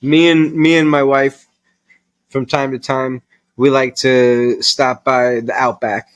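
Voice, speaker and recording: A man's voice: medium pitch, little pitch movement, takes it slowly. A man co-hosting a podcast in casual chat, giggling often and tossing in short joking interjections. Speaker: podcast co-host.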